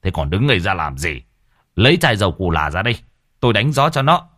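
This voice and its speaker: A man doing a gruff scolding father. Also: on the low side, big pitch swings, normal speed, pushed and bright. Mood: angry scolding. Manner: harsh, scolding, barking orders. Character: gruff bad-tempered middle-aged father.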